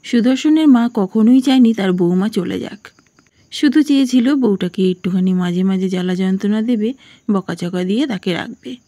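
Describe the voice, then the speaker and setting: A woman's voice: medium pitch, normal speed. Woman narrating a cartoon story. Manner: plain steady storytelling.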